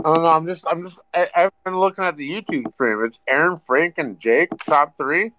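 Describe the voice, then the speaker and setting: A man's voice: fairly high pitch, moderate pace, sharp tone, low-quality recording. A man chatting wryly with friends during an online poker game. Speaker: poker player on voice chat.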